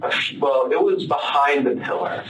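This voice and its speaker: A man recounts events in a halting, flat, matter-of-fact way, his voice sitting at an ordinary pitch. He is picked up by a far-off room camera, so his voice sounds roomy and distant. A steady hiss of noise runs under everything. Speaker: suspect being interviewed. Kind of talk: police interview. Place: police interview room. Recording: echoey noisy room from far off.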